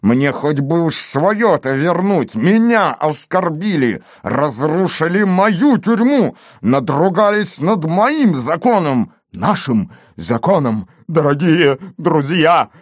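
A man's voice: medium pitch, expressive, slow pace, a little mellow, no room sound, studio quality. A man voicing a pompous, hot-tempered male police chief in a storybook reading. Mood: raging. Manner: indignant, blustering.

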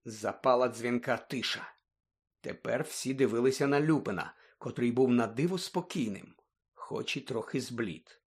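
Expressive male audiobook narrator. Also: medium pitch, normal speed, husky. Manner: dramatic, varying in pace and volume.

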